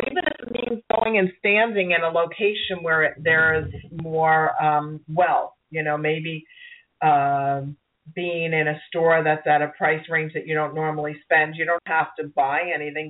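A middle-aged woman with a Brooklyn accent hosting a call-in show, giving casual spiritual advice in an encouraging, rambling way, often repeating her phrases. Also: deep voice. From Brooklyn, New York. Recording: narrow phone-like sound.

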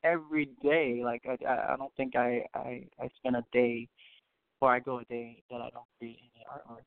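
A man's voice: medium pitch, little pitch movement, normal speed, vocal fry, clean tone, dry recording. A man from Haiti, a guest artist, answering interview questions hesitantly with many ums and repeated words. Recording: tinny phone line.

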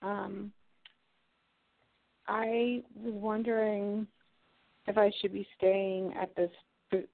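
Gravelly woman caller on a phone line. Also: medium pitch, little pitch movement, extremely slow, long pauses, dry recording. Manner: hesitant, searching for words. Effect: phone-line voice of a radio show caller. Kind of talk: casual phone chat. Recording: tinny, dry phone line.

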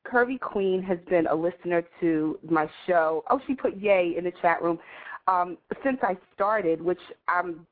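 A woman's voice: on the low side, measured pace. A woman hosting a morning show in a casual, chatty way, addressing listeners familiarly. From New York City, USA. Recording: tinny, phone-like internet radio line.

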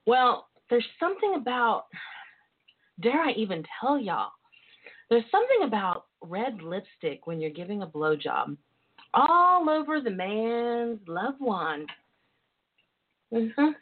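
A woman's voice: on the high side, sing-song, slow, pauses often. A woman with a Southern US twang hosting a talk show in a casual, sassy, flirtatious way, full of endearments. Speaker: podcast host. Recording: tinny phone-line internet radio sound.

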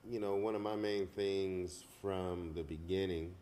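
A man, a hip hop artist being interviewed, talking casually with many fillers and pauses. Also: low-pitched. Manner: relaxed, hesitant with many fillers.

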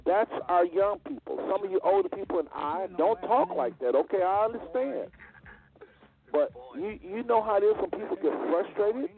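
A man's voice: sits high, animated, moderate pace, phone-quality sound. A man hosting a faith network show, talking in a fervent, emphatic preaching cadence. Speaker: network host. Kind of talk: preaching radio talk.

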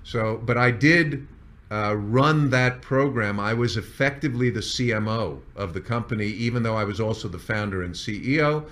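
Low-pitched male CEO recounting company history. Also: moderate pace, a bit bright. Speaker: biotech chief executive and founder.

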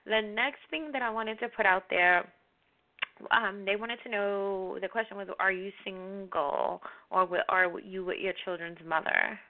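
A woman's voice: mid-range voice, fairly even intonation, unhurried. A middle-aged woman hosting an interview, playful and teasing, giggling between her questions. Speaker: show host. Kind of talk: casual interview chat. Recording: tinny phone line.

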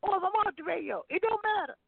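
Over dry, tinny phone-line audio with no echo, a woman co-hosts a gospel radio talk show as co-host and evangelist, her extremely high voice quick and edged with vocal fry. Sassy and animated, she trades playful teasing before leading a prayer.

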